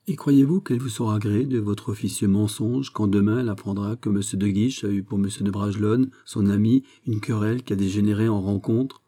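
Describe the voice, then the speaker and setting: A man reading an audiobook, voicing a haughty, sharp-tongued young princess with ironic, exasperated questions. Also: lowish voice, fairly even intonation, brisk, few pauses, lightly acted. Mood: imperious.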